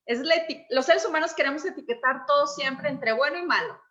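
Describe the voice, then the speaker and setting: Woman coach, expressive explainer, high bright voice. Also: brisk, lo-fi sound. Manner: expressive, reenacts dialogue. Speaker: emotions coach. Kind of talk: conversational explanation.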